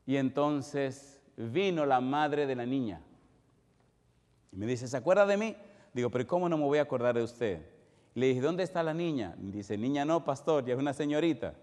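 Preaching pastor in a reverberant hall. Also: male voice, mid-range voice, normal speed. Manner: builds from quiet storytelling to loud, rising preaching with repeated questions. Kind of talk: sermon.

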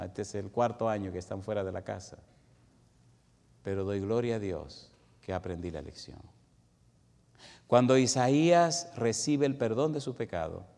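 A middle-aged man preaching a sermon, telling a story dramatically and moving between hushed asides and loud, fervent pleas. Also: on the low side. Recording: long reverb of a large hall.

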